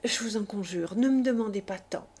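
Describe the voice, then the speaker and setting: A woman's voice: medium pitch, a little fast, darkish tone, breathy edge, lightly acted. A woman voicing a torn, embarrassed woman who speaks hesitantly and earnestly.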